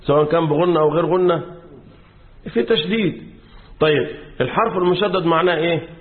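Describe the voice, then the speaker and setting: An Egyptian man teaches Quran commentary to a class and keeps prompting his students to finish his sentences. His voice sits a little high for a man and repeats key words as he explains. The recording is thin and phone-like. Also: fast talker. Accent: Egyptian Arabic. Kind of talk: classroom lecture.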